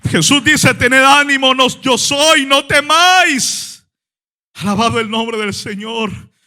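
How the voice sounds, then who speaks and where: A male pastor preaching a fervent sermon at a church service, building to shouted, repetitive cadences. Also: very high voice, slow pace, some chatter behind.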